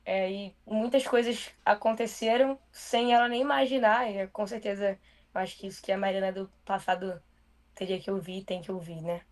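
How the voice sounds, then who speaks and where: A young female journalist with a Brazilian Portuguese accent appears as a guest in a casual interview. She talks fast and loosely, leaning on lots of fillers, in a mid-range voice with fairly even intonation.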